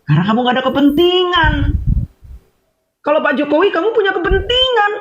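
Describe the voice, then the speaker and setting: A man's voice: extremely high pitch, very animated, fairly quick, fairly bright tone. A man ranting to camera as an online commentator, scolding with sarcastic rhetorical questions. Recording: dull lo-fi audio.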